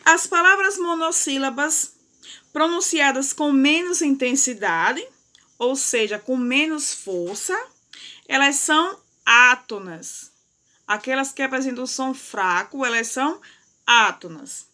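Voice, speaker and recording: A woman teacher, giving a lesson and explaining slowly and carefully with repeated examples. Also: high voice, sharp tone. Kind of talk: recorded classroom lesson.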